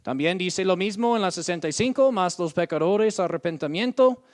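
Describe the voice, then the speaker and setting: A man's voice: high voice, expressive. A man preaching a sermon as pastor, reading Bible verses aloud and often checking in with "ok?". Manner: slow, deliberate delivery with frequent "¿ok?" check-ins; reads scripture aloud, drawing out quoted verses.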